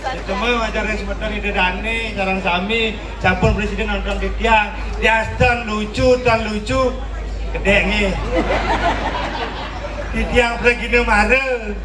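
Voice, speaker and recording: A man with a Balinese accent performs as a traditional comedian on a large stage, working the live audience by teasing and repeating phrases for effect. His very high voice holds fairly even intonation at a measured pace. He sounds distant in an echoey space, with background noise and loud crowd laughter.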